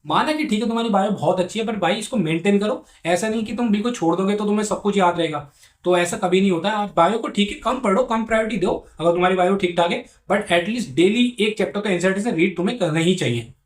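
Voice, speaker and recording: Young male vlogger, higher-pitched, very fast and repetitive, earnest mentor tone. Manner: rapid, earnest, repetitive, addresses viewers as bhai sahab. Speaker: medical student giving exam advice. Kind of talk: casual advice vlog.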